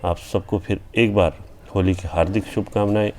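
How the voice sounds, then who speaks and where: A man from India who hosts a channel, reciting his own poem with repeated refrains and then talking about it plainly, pausing on "a" fillers. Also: lowish voice, steady tone, warm tone, a little hiss or hum. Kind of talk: poetry recitation with spoken commentary.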